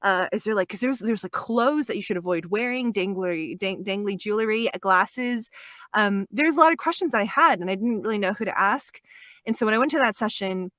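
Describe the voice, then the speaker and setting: A young adult woman, a voice actress guest in a casual podcast interview, chatty and quick to laugh, often restarting her sentences. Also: mid-range voice, animated, fairly bright tone, dry recording, clean studio sound.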